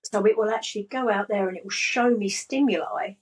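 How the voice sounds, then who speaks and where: Calm, slow-speaking woman with a breathy voice. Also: medium pitch, poor audio. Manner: slow, calm and grounded delivery. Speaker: spiritual business and money coach, guest. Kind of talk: casual podcast chat.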